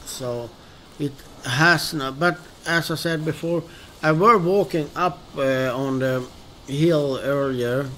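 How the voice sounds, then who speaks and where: Slow, hesitant Swedish man. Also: on the high side, sharp tone, a little hiss or hum. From northern Sweden. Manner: hesitant and musing, many pauses and restarts. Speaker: gaming video host. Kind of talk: relaxed let's-play commentary.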